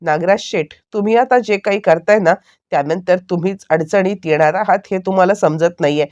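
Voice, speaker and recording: A woman's voice: lowish voice, fairly quick, darkish tone, muffled recording, close to an everyday voice. A woman voicing a captive man who warns his captor. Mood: warning. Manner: warning.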